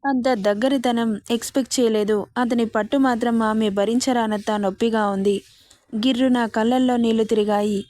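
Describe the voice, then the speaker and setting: A woman's voice: a little high, fairly even intonation, moderate pace, dark tone, no echo. A woman narrating a romantic drama story in a dramatic storytelling manner.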